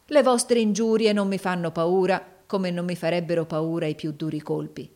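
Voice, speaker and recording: A woman voicing a brave young man who speaks slowly and firmly. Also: steady tone, a little mellow, lightly acted. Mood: defiant. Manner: slow and deep.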